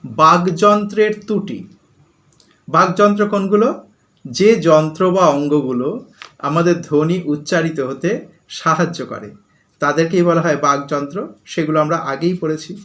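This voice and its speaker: Guy teacher going over a grammar lesson, kinda high voice, says things twice with examples. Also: a bit bright. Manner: explains slowly and repeats key phrases, with examples. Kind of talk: spoken grammar lesson for school students.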